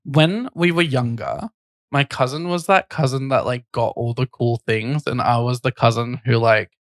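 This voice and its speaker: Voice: mid-range voice, normal speed, dry recording, clean studio sound. A podcast host chatting casually and telling stories in a jokey, teasing way. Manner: teasing, jokey, animated storytelling. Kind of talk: casual comedic podcast chat.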